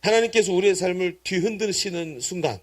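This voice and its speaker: A middle-aged man preaches from the pulpit of a church. His voice sits a little high for a man, and he keeps the congregation engaged with teasing jokes and quick back-and-forth. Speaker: pastor. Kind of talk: sermon. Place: church sanctuary.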